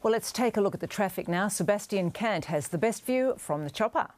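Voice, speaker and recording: A woman's voice: mid-range voice, expressive, fairly quick, darkish tone. Woman reading the evening news. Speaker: news presenter. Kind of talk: scripted newsreading.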